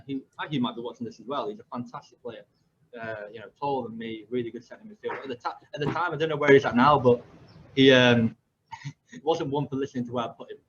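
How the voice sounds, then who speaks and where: A man's voice: mid-range voice, dull audio, slight background noise. A man in his twenties, a football coach hosting a podcast, telling stories in a rambling casual way with many fillers. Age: 20s.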